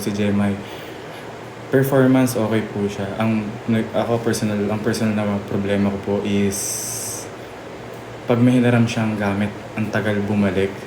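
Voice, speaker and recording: A young man nominating fellow housemates, halting and full of fillers and restarts. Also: on the low side. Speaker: reality show housemate. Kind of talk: nomination confessional. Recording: echoey room with steady noise.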